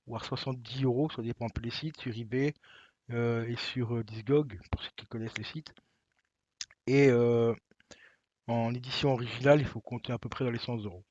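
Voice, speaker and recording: A man's voice: medium pitch, dry recording, muffled recording. A man casually presenting a vinyl record unboxing to his viewers, hesitant, with many fillers. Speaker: vinyl collector vlogger.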